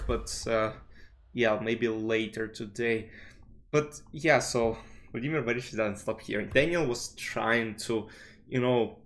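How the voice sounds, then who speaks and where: Medium in pitch and a bit bright, the voice belongs to a Russian-speaking chess streamer who rambles casually, leaning on "you know" and frequent restarts. It's commentary for a vlog, made at his home streaming desk via a desk streaming mic and webcam.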